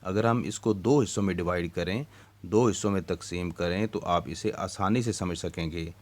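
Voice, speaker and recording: A man teaching an Urdu lesson to young children. He recites lines of a poem slowly and then explains the vowel marks one by one, with a Pakistani Urdu accent. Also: deep voice.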